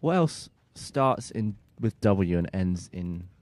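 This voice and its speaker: A man's voice: low-pitched, expressive, takes it slowly, darkish tone, no room sound. A man co-hosting game commentary, teasing with goofy questions. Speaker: co-host. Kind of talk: casual gameplay commentary.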